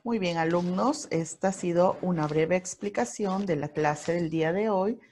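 A woman with a Peruvian Spanish accent teaching a recorded primary school grammar lesson, explaining slowly and carefully with worked examples. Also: lowish voice, a little mellow, slight background noise.

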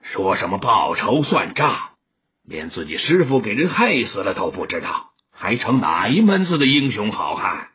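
A man voicing a proud, gruff old martial arts master with a low voice. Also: big pitch swings, moderate pace, full character voice. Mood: scornful. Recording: dull lo-fi audiobook recording.

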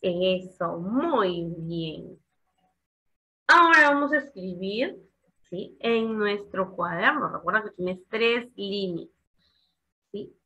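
A woman's voice: mid-range voice, lively intonation, takes it slowly, pauses often, bright, forceful tone, highs cut off. A woman teaching young children a class in a coaxing, sing-song way.

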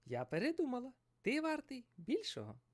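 A man's voice: very high-pitched, huge pitch swings, moderate pace, voice pushed up, exaggerated voice. A man voicing a kind, encouraging female magic fish in a storybook. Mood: gentle.

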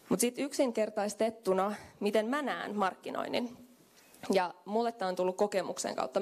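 In a hotel meeting room with a small audience, a young woman presents a conference keynote through a handheld microphone. Her mid-range, slightly mellow voice carries vocal fry, and her conversational delivery includes fillers as she thinks aloud.

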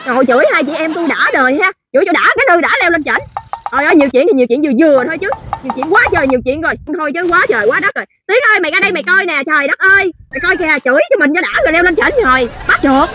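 Quick, high-voiced complaining woman. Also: animated, noisy background. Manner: exasperated complaining, exclamatory. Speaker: worker in comedy sketch. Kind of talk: comic sketch acting.

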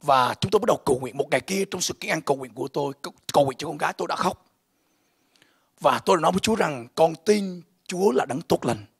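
Husky-voiced man preaching emotional testimony. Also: on the high side, expressive, fast talker. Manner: emotional testimony, swings from hushed to shouting. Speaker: pastor. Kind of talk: sermon.

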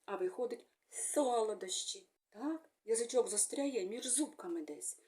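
A woman speech therapist giving a gentle, sing-song speech lesson to young children, using fond little words for them. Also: a little high, lively intonation, normal speed.

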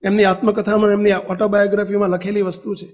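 A man with a Gujarati accent delivers a devotional sermon in a notably high voice. He tells stories and keeps turning to his listeners with questions. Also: level tone, fast, darkish tone. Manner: storytelling, asks the audience questions. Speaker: preacher.

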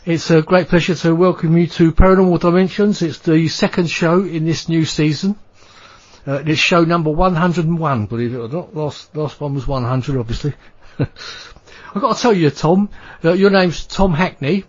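This London-accented radio host from England speaks at normal speed in a slightly rough voice on the high side. He chats casually and rambles, leaning on fillers, and the recording sounds muffled.

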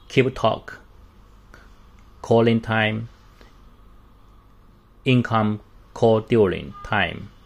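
A man demonstrates a product step by step, his fairly low voice creaky. He talks slowly and haltingly in brief unscripted bits, and his English grammar is non-native.

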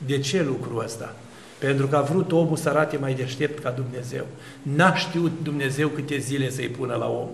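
Animated preaching priest in an echoey room. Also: male voice, medium pitch, vocal fry, slight background noise. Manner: animated preaching with rhetorical questions and long lists. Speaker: Orthodox priest. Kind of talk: sermon.

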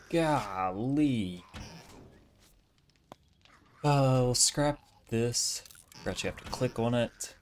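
A low-voiced man gives casual commentary on a survival game, chatty and self-mocking as he talks to himself while looting. A little hiss or hum sits in the background.

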